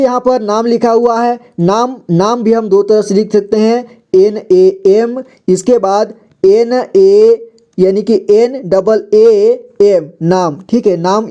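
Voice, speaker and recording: Patient man teaching with a dark voice. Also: sits high. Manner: patient, repeats and spells out letters slowly. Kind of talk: spoken lesson.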